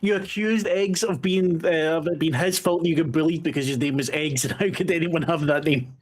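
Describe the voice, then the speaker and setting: Husky-voiced man teasing at a game. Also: on the high side, steady tone, a little fast. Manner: teasing, laughing. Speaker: player. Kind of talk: casual banter during a tabletop game.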